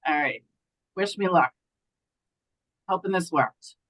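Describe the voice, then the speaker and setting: A woman's voice: fairly low pitch, slow pace, a bit bright, low-quality recording. A woman presenting a state program on a video call, conversational and enthusiastic with many fillers.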